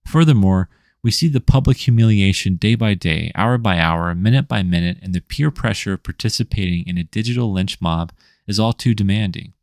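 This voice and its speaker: A man reading his own scripted video essay in a measured, rhetorical way, stacking lists and questions. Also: on the low side, darkish tone, no room sound, clean studio sound. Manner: measured, rhetorical, list-like delivery. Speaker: indie comics writer and channel host.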